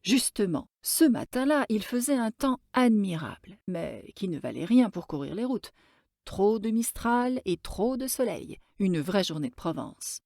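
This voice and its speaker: A woman narrates a classic tale in a gentle, expressive voice of middle pitch. She takes her time, letting each phrase settle. The recording is close and dry, with no room sound. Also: measured pace, creaky, dry recording. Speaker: storyteller.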